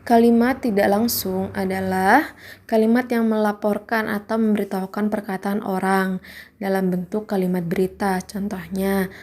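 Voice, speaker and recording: A woman teacher explaining a class lesson step by step, often pausing on "nah" and reading examples aloud. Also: medium pitch, flat delivery, a little mellow.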